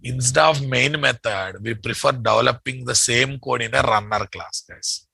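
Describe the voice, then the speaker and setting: A programming instructor with a Telugu Indian English accent teaches a live class, thinking aloud, repeating phrases, and checking in with students through short questions and tags. His medium-pitched voice moves at a moderate pace, creaky and bright with a forceful tone and a breathy edge. The recording is dry.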